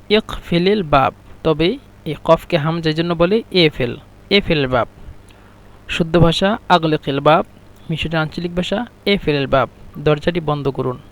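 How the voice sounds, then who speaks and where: Male language teacher, somewhat high voice, patient step-by-step drilling of phrases. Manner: repeats phrases slowly and explains pronunciation. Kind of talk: spoken language lesson.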